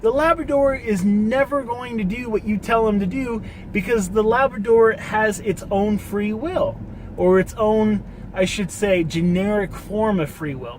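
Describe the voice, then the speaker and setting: A man's voice: fairly high pitch, slight background noise, low-quality recording. A man in his late twenties talking casually in a rambling monologue, cursing freely and repeating himself as he works through a story. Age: 20s.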